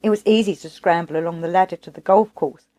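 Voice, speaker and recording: A woman narrating an audiobook of a classic novel in a measured, unhurried way. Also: lowish voice, mellow.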